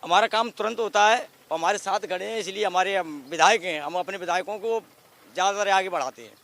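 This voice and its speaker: A man's voice: high-pitched, a little fast, creaky, a bit bright. A man from the village answering a reporter's questions earnestly, often restarting his sentences. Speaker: villager interviewee. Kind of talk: street interview. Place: outdoors in a village.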